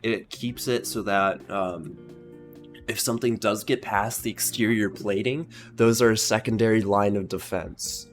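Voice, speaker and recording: A man streaming a ship-building game, chatting casually and joking, with ums and trailing pauses. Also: on the low side, fairly even intonation. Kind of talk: casual gaming chat. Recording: faint music behind.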